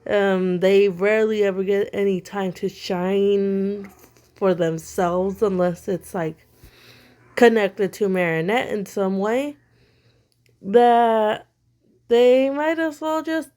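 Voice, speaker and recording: A woman online commentator, a bit ill and still bothered in the throat, delivers blunt, critical opinions from home with many fillers. Her medium-pitched voice is slow, a little mellow and smooth.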